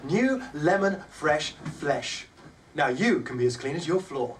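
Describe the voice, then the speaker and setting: A man playing a brash, over-earnest soap-powder pitchman in a spoof advert, emphatic and salesmanlike. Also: big pitch swings, measured pace. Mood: salesmanlike zeal. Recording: distant noisy camcorder sound, loud audience.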